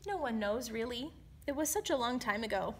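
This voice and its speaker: Woman reading as a grouchy old super, hushed, low, storybook voice. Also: animated, a little fast. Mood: wistful. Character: grumpy old male building super.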